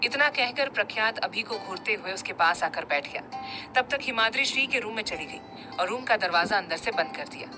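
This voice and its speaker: A woman narrating a romantic story in an expressive storybook reading. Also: medium pitch, fairly quick, over music, poor audio.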